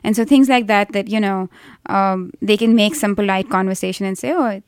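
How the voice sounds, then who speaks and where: A woman with an Indian accent speaks in a smooth, clear voice at a middling pitch. She explains things thoughtfully as an interview guest, often restarting sentences. The sound is close and dry. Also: steady tone, brisk, a little mellow, no room sound. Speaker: interview guest, researcher of call centers. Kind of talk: conversational interview.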